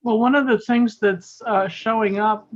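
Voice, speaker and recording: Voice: medium pitch, steady tone, a little slow. Congregant on a call, muffled lo-fi line, rambling casual chat. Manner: meandering, with fillers. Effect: heard over a call line. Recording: dull lo-fi call audio.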